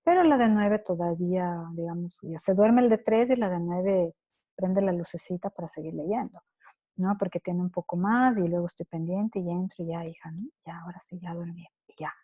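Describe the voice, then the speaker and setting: Woman, conference Q&A, conversational, warm tone, quick to laugh. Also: on the low side. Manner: conversational, acts out parent-child dialogues; laughs easily, lively quoting. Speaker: parenting speaker answering questions. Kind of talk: conference Q&A talk.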